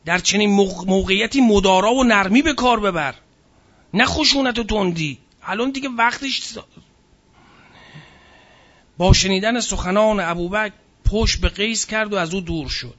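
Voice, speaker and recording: A man's voice: sits high, fairly bright tone, lo-fi sound. A man giving a religious history lecture, reading passages aloud and adding casual spoken asides. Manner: reads from a book, then comments in casual speech.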